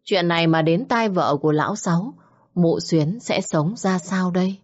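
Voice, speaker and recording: A woman storyteller reading a dramatic story in a measured, scripted narration. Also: lowish voice, dull audio.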